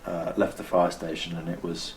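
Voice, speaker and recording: A British man with a somewhat low voice tells a story in a relaxed interview. He recounts it animatedly, slipping into the voices of the people involved and stumbling over restarts. A faint hiss sits under the recording. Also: normal speed, rough recording. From Britain. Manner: vivid, acts out quotes, frequent restarts. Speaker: filmmaker interviewed as guest. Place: costume shop.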